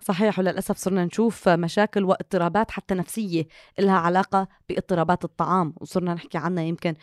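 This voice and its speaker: A woman's voice: lowish voice, fairly even intonation, rapid-fire, no echo, studio quality. A woman with a Levantine Arabic accent, co-hosting a conversational podcast and mixing in English words. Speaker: co-host.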